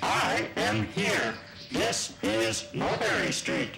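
A man voicing a boastful, stubborn robot machine in a stiff, deliberate robotic voice for a children's puppet sketch. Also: on the low side, roomy sound, music in the background, poor audio.

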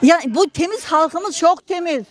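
Casting: woman, late 60s, high voice, toothless slurred diction, off-the-cuff street interviewee. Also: expressive, a little slow. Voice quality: toothless, mushy articulation. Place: busy outdoor street market. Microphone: handheld reporter microphone held close.

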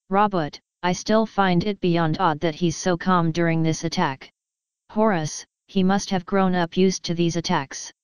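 A woman's voice: lowish voice, clean tone, dry recording, rough recording. A woman reading a fan story aloud, speaking the character tags and stage directions plainly. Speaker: fan fiction reader. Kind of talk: reading a story aloud, voicing all parts lightly.

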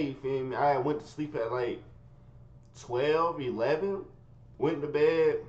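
A man telling a story in casual, profane street slang, swinging from low mutters to high yelps. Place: his bedroom. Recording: roomy, dull lo-fi sound.

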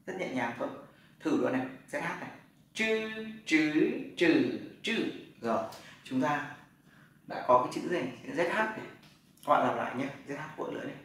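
A man with a Northern Vietnamese accent teaching Chinese pronunciation, repeating drill syllables in loud, clipped bursts. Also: mid-range voice, fast talker, slight background noise. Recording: echoey room, far from mic.

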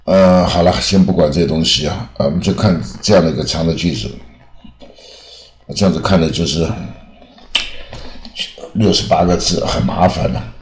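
A man teaching English over slides in Taiwanese-accented Mandarin, unhurried, with many drawn-out filler sounds. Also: low-pitched. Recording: echoey room.

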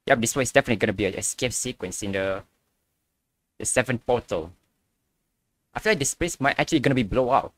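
A man's voice: medium pitch, lively intonation, fast talker, long pauses, a bit bright, no room sound. A young man giving casual reaction commentary as a video host.

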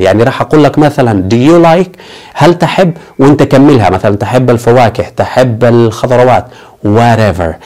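A man's voice: mid-range voice, mellow. Upbeat man teaching English. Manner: explains step by step, switching between Arabic and English; upbeat, repeats a catchphrase. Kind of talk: online language lesson.

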